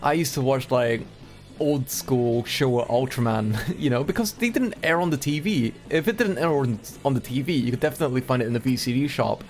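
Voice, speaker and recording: Male streamer from Singapore, middle pitch, reads aloud casually with asides over faint music. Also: brisk. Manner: casual, chatty asides between readings. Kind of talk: reading a magazine aloud on stream.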